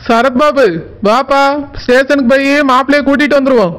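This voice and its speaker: A man's voice: very high voice, steady tone, a little fast, fairly bright tone, rough recording. A man voicing a stern, proud middle-aged father in a cartoon, firm and resigned, with a Tirunelveli Tamil accent.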